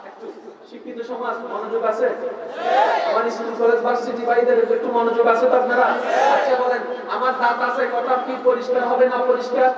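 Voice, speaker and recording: High-voiced male preacher, shouting, echoing. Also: monotone, fast, muffled recording, heavy background noise. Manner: impassioned, often shouting, rhetorical questions. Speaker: Islamic preacher. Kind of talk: fervent waz sermon with crowd call-and-response. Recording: echoey PA sound from far off with crowd. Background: crowd of listeners.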